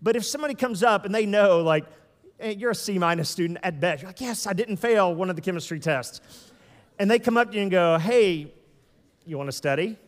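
A high-voiced man in his thirties preaches with loose, conversational energy, slipping into joking asides to the room. His voice rings out with a long, hall-like reverb behind it. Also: brisk. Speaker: pastor. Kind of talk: sermon.

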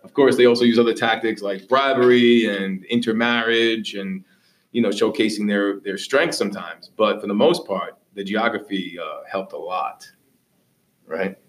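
A male teacher leads a classroom discussion in a fairly low voice. He explains conversationally and often checks that listeners follow, sounding slightly away from the microphone. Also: fairly even intonation, moderate pace, far from the mic. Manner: explanatory, checks understanding with "right?". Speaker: history teacher and show host.

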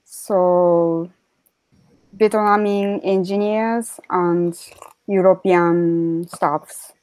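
A woman's voice: lowish voice, fairly even intonation, extremely slow, darkish tone, dry recording, poor audio. A woman with a Japanese accent, a podcast guest talking carefully and searching for words over a video call. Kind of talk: casual podcast chat.

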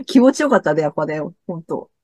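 A woman, a festival staff leader who plays in a band, chatting casually in an interview with soft agreeing murmurs. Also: on the low side, wildly swooping pitch, a little fast, husky.

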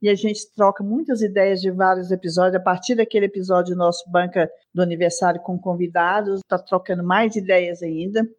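A podcast host in her sixties talks solo in a casual, fond manner that keeps slipping into asides. Her fairly low voice is steady and a little mellow, moving fairly quickly with few pauses.

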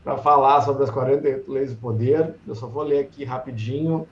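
A man with a gravelly, creaky voice hosts a live book club chat. He sounds relaxed and chatty and reads passages at a slow, deliberate pace. The sound is roomy and a little muffled, as if from a lo-fi setup. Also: mid-range voice. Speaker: host of an online book club. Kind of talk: casual live-stream chat.

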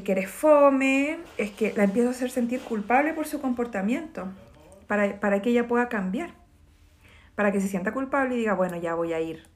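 A woman therapist, explaining emotional wounds in a talk to camera and acting out short quoted voices. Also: on the high side.

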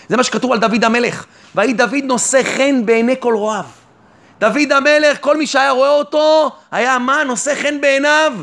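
A rabbi giving a fervent sermon, who keeps asking the listener rhetorical questions and answering them himself. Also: male voice, extremely high pitch, fairly bright tone. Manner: fervent, exhorting the listener directly. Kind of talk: sermon on faith and trust.

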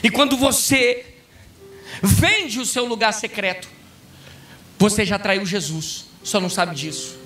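A pastor delivers a fervent sermon in a strikingly high, sharp voice, rising into shouts. He sounds set back from the microphone, with soft music playing behind him. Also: a little slow, long pauses, distant mic. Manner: fervent preaching, bursting into shouts. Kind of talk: impassioned sermon. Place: church conference hall.

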